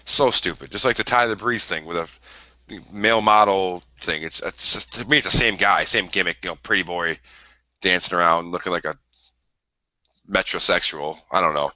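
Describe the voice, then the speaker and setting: A young man co-hosting a casual podcast, arguing and mocking his co-host in animated banter. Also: low-pitched, normal speed, dry recording, low-quality recording.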